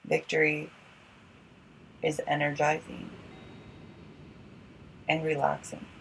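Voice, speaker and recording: A yoga instructor giving slow guided breathing instruction in measured, short phrases with pauses between them. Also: mid-range voice, monotone, vocal fry, fairly bright tone, slight background noise, low-quality recording.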